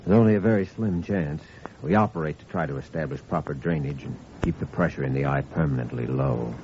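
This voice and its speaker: An actor playing an earnest, genial young doctor in an old radio drama, speaking sincerely and persuasively. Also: male voice, a bass voice, a little fast, gravelly. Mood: grave, gentle. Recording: dull, noisy old radio recording.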